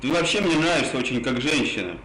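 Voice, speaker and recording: A man's voice: medium pitch, lively intonation, quick pace, a loud crowd. Wheedling man with burred r's, echoey call. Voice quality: burred, indistinct r sounds. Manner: insistent, wheedling, repeats himself. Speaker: prank caller. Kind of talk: casual phone chat, coaxing. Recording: echoey phone call, faint noise.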